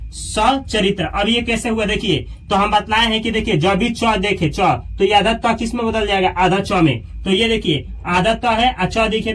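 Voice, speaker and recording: A man's voice: high voice, recorded from a distance. A male teacher giving a step-by-step grammar lesson, repeating key points and constantly pointing things out. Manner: repetitive, explains step by step with frequent "dekhiye".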